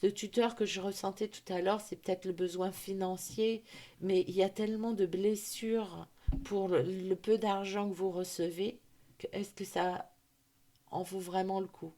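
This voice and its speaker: Slow, soft-spoken woman reading oracle cards. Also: medium pitch, steady tone. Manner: slow, hesitant, with many fillers; gentle, affectionate address to viewers. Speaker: intuitive card reader and hypnotherapist. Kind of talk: intuitive oracle card reading.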